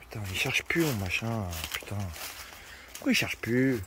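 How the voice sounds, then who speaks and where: A man's voice: mid-range voice, expressive, moderate pace, noisy background. A man vlogging casually outdoors by a campfire, talking in slang and swearing freely as he rambles. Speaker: van-life vlogger. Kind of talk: casual vlog chat.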